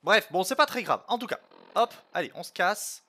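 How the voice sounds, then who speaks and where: A man with a high, sharp voice and lively intonation streams a game at a moderate pace. As a let's play streamer, he thinks aloud casually, peppering his commentary with fillers and joking asides.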